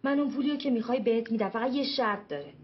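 A woman's voice: fairly high pitch, lo-fi sound, close to an everyday voice. An actress playing a suspicious, anxious wife and mother who coaxes her son, in a TV sitcom. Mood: scheming. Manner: coaxing and anxious. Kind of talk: TV sitcom acting.

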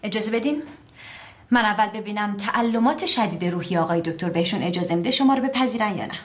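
An actress playing a tactless, matter-of-fact receptionist in a TV comedy, speaking in a drawn-out, deadpan way. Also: female voice, mid-range voice, a little hiss or hum, lightly acted. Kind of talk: TV comedy acting.

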